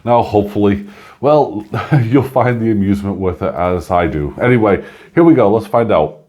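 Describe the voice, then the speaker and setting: A man with a fairly low, warm and mellow voice talks through a coin review in a loose, chatty way. He often chuckles and leans on ums and uhs as he shows each detail. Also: moderate pace. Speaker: coin reviewer and channel host. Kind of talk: casual coin review narration.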